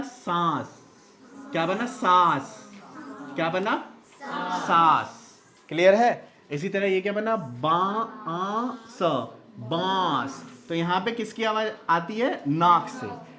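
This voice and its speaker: A male teacher giving a spoken language lesson, asking questions and answering them himself, repeating words slowly and drawing out their nasal sounds, often checking whether it is clear. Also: high-pitched, a bit bright.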